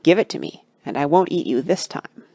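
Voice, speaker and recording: A woman's voice: low voice, expressive, fairly quick, warm tone, no room sound. A woman voicing a menacing, boastful, greedy male tiger in a children's storybook. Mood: grudging, demanding.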